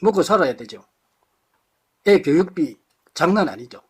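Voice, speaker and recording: A man's voice: on the high side, lively intonation, normal speed, breathy edge. A man giving an impassioned political lecture to a live audience, firing off rhetorical questions and blunt insults.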